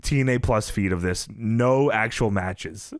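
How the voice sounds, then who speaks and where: A man's voice: fairly low pitch, a little slow, no room sound, clean studio sound. Laughing man recapping on a podcast. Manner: amused storytelling, laughing often, profane. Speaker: podcast co-host.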